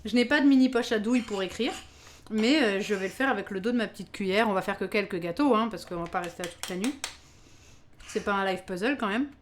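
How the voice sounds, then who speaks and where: A woman hosting a live baking stream speaks fast in a mid-range voice, with a little hiss or hum in the audio. She keeps up casual chatter with viewers, exclaiming over her work and laughing frequently.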